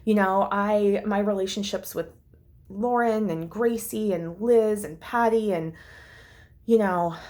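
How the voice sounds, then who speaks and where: A woman vlogging a heartfelt, rambling personal update, full of fillers and restarts and close to tears at times. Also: medium pitch. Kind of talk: casual vlog update.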